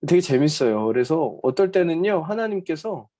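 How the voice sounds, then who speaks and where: A man gives a Bible overview lecture in a relaxed, conversational tone, pausing often on hesitant fillers. His pitch moves about in a lively way, and his voice is mellow and warm. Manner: conversational, often acts out quoted speech. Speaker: Bible teacher.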